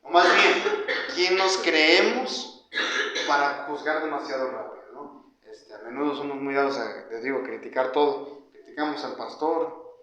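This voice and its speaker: A man preaching a conversational sermon, calling his listeners brothers and swinging from loud to quiet. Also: medium pitch, a little slow, crowd noise. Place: church hall. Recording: echoey church, dull lo-fi sound.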